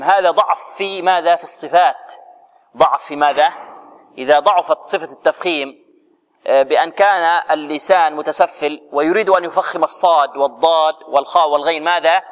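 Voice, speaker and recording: A man teaching Quran recitation, correcting students and drilling sounds with rhetorical questions, recorded in a dull echoey hall. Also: on the high side. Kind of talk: tajweed lesson, correcting students.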